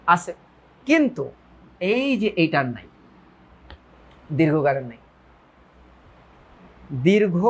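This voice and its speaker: With a high voice, a male tutor delivers a grammar lesson online to his students. He repeats himself often, directs questions at those listening, and lets English words into his speech.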